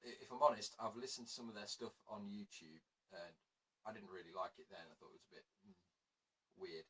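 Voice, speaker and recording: Brief: male host, lowish husky voice, loose and chatty. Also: level tone, a little fast, a bit bright. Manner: chatty, laughing, self-correcting. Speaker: radio show host. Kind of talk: casual chat.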